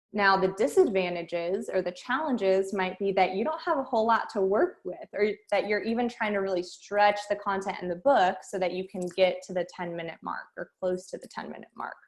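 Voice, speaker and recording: Woman coaching through questions. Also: mid-range voice. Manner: guiding students with a string of questions. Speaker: speech and debate coach. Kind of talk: online workshop lesson.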